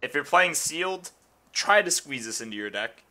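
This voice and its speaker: A young man co-hosting a card review, joking and bantering with quick stammered restarts. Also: on the high side, expressive, vocal fry, sharp tone. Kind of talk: casual chat.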